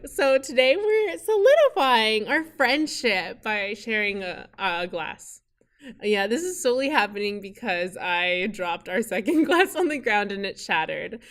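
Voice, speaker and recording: A woman's voice: medium pitch, very animated, measured pace, fairly bright tone. A young woman co-hosting a laid-back podcast. She talks in an upbeat, chatty way and laughs often. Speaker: podcast co-host. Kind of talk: casual podcast chat.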